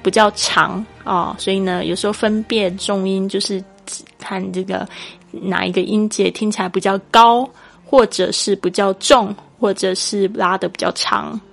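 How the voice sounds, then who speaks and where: A woman's voice: medium pitch, fairly even intonation, normal speed, vocal fry, soft background music. Woman teaching English patiently. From Taiwan. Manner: patient and explanatory, spells English words out letter by letter. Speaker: English teacher and podcast host. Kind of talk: podcast English lesson.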